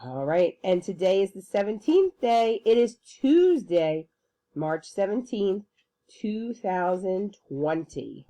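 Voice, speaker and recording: Woman, preschool teacher, circle time lesson, slow and encouraging, sing-song, mellow tone. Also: mid-range voice, sing-song.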